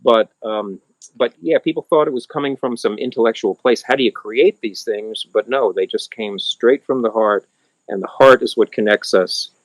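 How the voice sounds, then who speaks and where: A man, a musician being interviewed outdoors on his small farm, telling stories and acting out other people's voices in high squeals. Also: normal speed, dry recording, low-quality recording. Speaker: musician guest. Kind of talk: casual storytelling interview.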